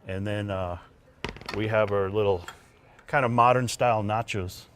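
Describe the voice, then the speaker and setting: Relaxed male chef, low voice. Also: moderate pace, slight background noise. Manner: relaxed, plain, explains dishes with fillers. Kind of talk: guest chat while cooking on TV.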